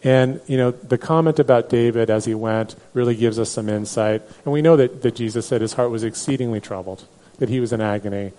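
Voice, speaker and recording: A man's voice: medium pitch, fairly quick, dark tone. A man teaching a Bible class in a conversational way, with many fillers and restarts. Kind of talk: Bible study lecture.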